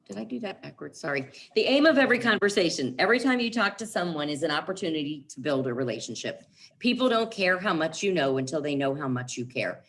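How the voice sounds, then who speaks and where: A woman's voice: sits low, fairly bright tone. A middle-aged woman giving an upbeat, emphatic sales training talk in a training room, leaning on repeated catchphrases. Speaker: real estate team leader and trainer.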